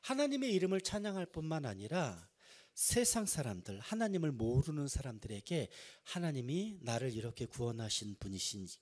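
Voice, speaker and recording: A man's voice: mid-range voice, darkish tone, husky. A male pastor preaching a Sunday sermon, building emphasis and asking the congregation rhetorical questions. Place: church sanctuary.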